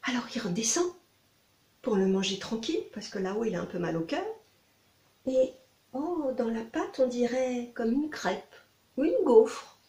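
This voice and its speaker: A woman storyteller telling a children's tale in a library, playful and dramatic, with drawn-out words and pauses. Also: on the high side, expressive, warm tone. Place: public library. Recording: echoey room.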